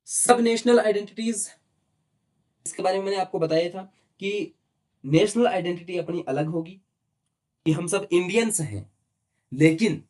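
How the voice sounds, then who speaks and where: A man teaching a class with a voice pitched a little high. He lays out terms and definitions patiently, one point at a time, and keeps checking in with his listeners through questions he then answers himself. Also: a little mellow. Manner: explains step by step, asks rhetorical questions and often adds "है ना?". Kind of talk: classroom lecture in Hindi mixed with English terms.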